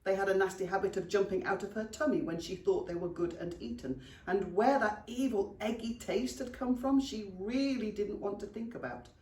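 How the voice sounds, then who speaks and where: A British woman with a medium-pitched voice reads a children's story to young pupils at a normal speed, pausing little. She sounds animated and speaks to her young listeners fondly, much like a teacher at storytime. Roomy echo and a distant microphone color the recording.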